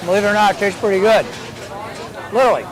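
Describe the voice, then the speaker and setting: A man's voice: sits high, fast talker. A man hosting a travel show, chatting casually as he tries street food at an outdoor night market. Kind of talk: casual on-location food commentary. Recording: noisy crowd outdoors. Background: busy crowd chatter.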